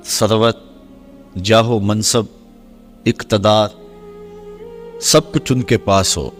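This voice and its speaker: Deliberate low-voiced male preacher. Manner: slow, deliberate, pausing between phrases. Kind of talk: measured religious sermon.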